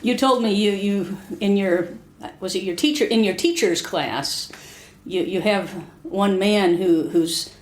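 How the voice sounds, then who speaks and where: An American woman hosting a casual interview, explaining things to listeners in a halting, self-correcting way. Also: medium pitch. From Arkansas, United States. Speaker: host, interviewer. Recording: echoey room.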